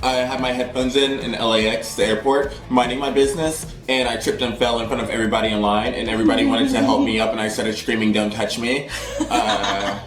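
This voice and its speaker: A man's voice: mid-range voice, flat delivery, fast, few pauses. A man co-hosting a casual comic chat, joking and giggly. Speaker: co-host. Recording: roomy echo with music.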